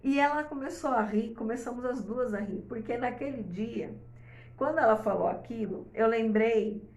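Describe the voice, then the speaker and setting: Middle-aged mom chatting advice to camera, higher voice, rambly with lots of fillers, roomy echo. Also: female voice, moderate pace, vocal fry, darkish tone. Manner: chatty and rambling, with many fillers and tag questions. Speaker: mother giving parenting advice. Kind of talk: casual advice talk to camera.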